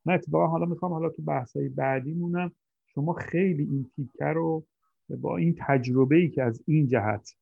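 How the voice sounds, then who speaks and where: The host, a man with a mid-range voice carrying vocal fry and a breathy edge, runs a conversational discussion while hesitantly searching for words. There is no echo, and the audio is dry and tinny like a phone call.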